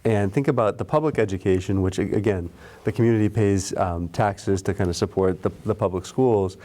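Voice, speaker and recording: In a casual chat, a guest from the local school system's administration talks earnestly about its programs, restarting his sentences often. He has a lowish voice with a dark tone and a fairly quick pace.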